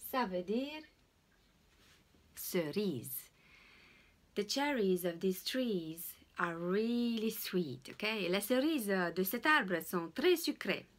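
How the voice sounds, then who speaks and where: A woman's voice: fairly high pitch, fairly bright tone. Hesitant woman teaching English. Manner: many hesitations, repeats English words slowly. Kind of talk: casual spoken lesson.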